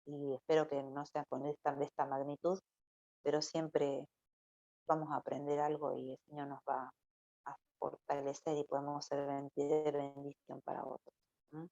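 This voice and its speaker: Low-voiced woman giving a chatty sermon. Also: flat delivery, normal speed, warm tone. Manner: conversational, ends phrases with a questioning "¿no?". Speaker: church youth preacher. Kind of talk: informal Bible teaching sermon. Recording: dull lo-fi recording.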